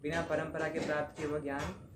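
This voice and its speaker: A man's voice: a little high, flat delivery, a little fast, noisy background. A man teaching a devotional class in a conversational way, often checking in with his listeners in front of a live audience. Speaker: spiritual teacher. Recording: roomy hall with faint ambience.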